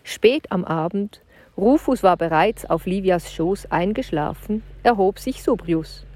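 A woman narrating a children's adventure audiobook with clear, even storytelling. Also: on the low side, a little slow, no room sound.

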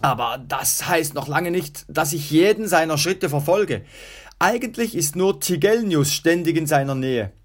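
A man's voice: fairly high pitch, lively intonation, a little slow, pitched above the performer's own voice. A man voicing an outspoken middle-aged Roman guard tribune, speaking with raised emphasis.

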